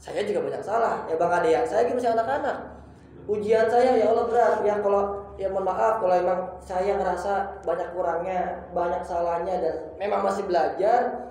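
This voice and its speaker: A man's voice: sits high, moderate pace, a little mellow. A young man teaching an informal religious study circle, talking colloquially, apologizing often and repeating phrases for emphasis. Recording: very echoey room.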